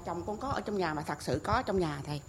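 A middle-aged woman with a Southern Vietnamese accent gives an emotional personal testimony at a temple gathering. She speaks earnestly and haltingly, repeats herself, and keeps addressing the master. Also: fairly low pitch, expressive, heavy background noise. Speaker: temple visitor telling her story.

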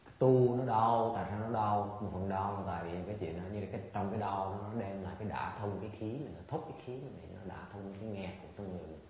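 A man's voice: low-pitched, quick pace, few pauses, a little mellow, slight background noise. A man giving an informal dharma talk to meditators, rambling and repeating words, chuckling as he mimics his students. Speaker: meditation teacher. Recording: dull, very echoey room recording.

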